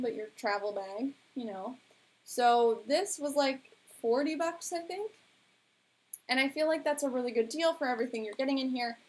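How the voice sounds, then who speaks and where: Young woman rambling on her live stream, kinda high voice, says like a lot. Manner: chatty and rambling, heavy use of "like". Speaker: beauty vlogger hosting a live stream. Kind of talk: casual live-stream chat about makeup.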